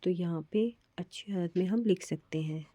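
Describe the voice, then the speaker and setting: A woman's voice: fairly low pitch, moderate pace, warm tone, dry recording. A woman teacher patiently explaining a worksheet to children, spelling out sounds and repeating words. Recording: slightly dull, lo-fi audio.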